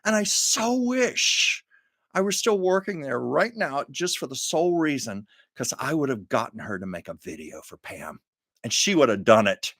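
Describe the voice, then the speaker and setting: A man hosts a livestream from home, chatting casually with viewers and laughing often in a medium-pitched, very animated voice at a moderate pace. His tone is a bit bright. The audio is captured by a camera on his livestream setup and sounds dry and clean, like a studio.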